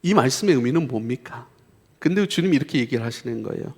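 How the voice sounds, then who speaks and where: A man's voice: medium pitch, animated, quick pace, gravelly, breathy edge. A man preaching a sermon as pastor, talking conversationally and acting out pleading prayers with rising intensity. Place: church sanctuary. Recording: long church hall reverb.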